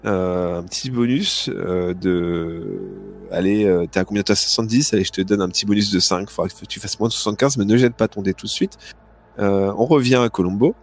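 A man's voice: fairly low pitch, fairly quick. A man narrating as game master of a tabletop game in a loose, chatty way. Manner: loose, chatty, many fillers.

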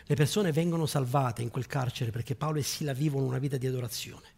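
A man preaching a sermon to a congregation, building to loud, fervent peaks and then dropping low and quiet. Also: fast talker, vocal fry, slightly rough.

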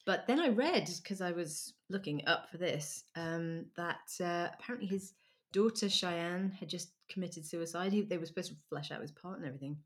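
A woman's voice: fairly low pitch, moderate pace, few pauses. A woman hosting a casual music chat, giggly and rambling with lots of ums. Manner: chatty, giggly, trails off with ums. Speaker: podcast host.

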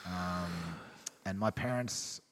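A man's voice: low voice, slow, fairly bright tone. A man in his thirties telling a personal story as a guest, rambling with frequent swearing and laughs. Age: 30s. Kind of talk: casual storytelling.

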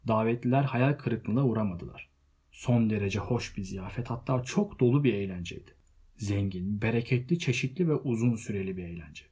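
A man narrates a novel in a measured, steady reading. His voice sits low with a husky grain. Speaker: audiobook narrator. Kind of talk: scripted literary narration.

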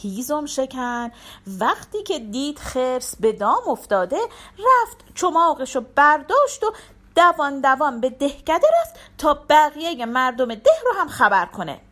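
A woman narrating a folk tale in an expressive, animated storytelling manner. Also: high voice.

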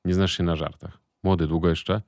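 A man voicing a cocky, short-tempered male business partner who talks loudly and mockingly and swears. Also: sits low, fairly even intonation, fairly quick, dry recording, studio quality.

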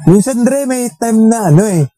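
A man's voice: very high-pitched, animated, moderate pace, mellow, no echo, faint music behind. A man in a casual chat who teases his friends. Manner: laughs often, teasing.

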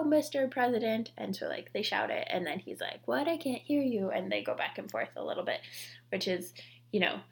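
A woman's voice: mid-range voice, creaky. A woman co-hosting a podcast, chatting casually about scripture and fiction, with lots of "like" fillers. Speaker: podcast co-host.

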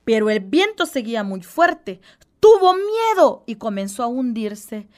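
A woman's voice: fairly high pitch, very animated, unhurried, darkish tone. A woman preaching a fervent, pleading radio sermon. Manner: fervent, pleading, with repeated exclamations of devotion.

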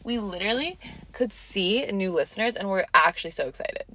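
A young woman co-hosting a casual podcast, talking in a relaxed, reflective way with plenty of "like". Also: mid-range voice, a little fast. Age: young adult. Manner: relaxed, reflective, filler-heavy. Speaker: podcast co-host. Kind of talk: casual chat. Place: quiet street.

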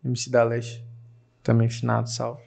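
A young man with a Carioca accent, chatting as a podcast guest in a slangy, animated, streetwise way. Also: mid-range voice, unhurried, creaky. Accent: Carioca Brazilian Portuguese. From Rio de Janeiro, Brazil. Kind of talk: casual podcast chat.

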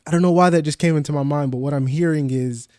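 A young man co-hosting a podcast, animated when telling stories and quick with affirmations in casual chat. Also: a little high, dry recording, clean studio sound. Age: young adult. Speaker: podcast co-host.

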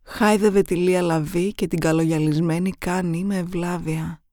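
A woman narrator reading short horror stories in a measured, suspenseful style. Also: fairly low pitch, steady tone, dark tone, dry recording, clean studio sound.

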